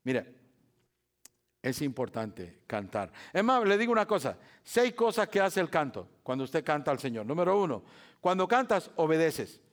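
A man preaching a sermon as pastor in a church, repeating phrases and asking the congregation rhetorical questions, swinging from quiet talk up to loud, emphatic passages. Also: a little high, very animated, moderate pace.

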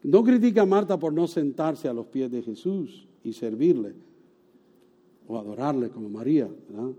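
A man preaching a sermon, telling a story with animated, sometimes loud exclamations and soft, hushed moments. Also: mid-range voice, moderate pace, husky. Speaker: pastor.

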